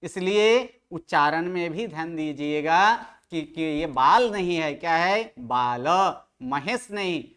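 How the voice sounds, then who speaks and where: This man's voice sits on the high side, with a measured pace and a fairly bright, clean tone. He leads an online study group in Sanskrit grammar, asking students questions and fixing how they pronounce words.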